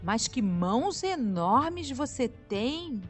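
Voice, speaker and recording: Woman doing a high sweet little girl voice, slow and wide-eyed. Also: very animated, slightly rough, faint music behind, full character voice. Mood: amazed.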